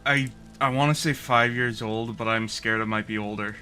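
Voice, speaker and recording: Dry-humored man with a bright voice. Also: lowish voice, moderate pace, soft background music. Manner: dry, deadpan jokes. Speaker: guest streamer. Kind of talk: casual gaming chat.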